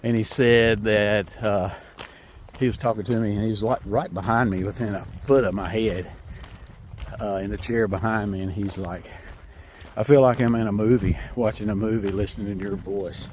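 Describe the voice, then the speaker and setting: Out on a rural trail, a hiker vlogger from North Carolina rambles in a folksy, self-amused way, his Southern American accent clear in this casual walking vlog. His lowish voice is steady and a little mellow at a normal speed, with slight background noise.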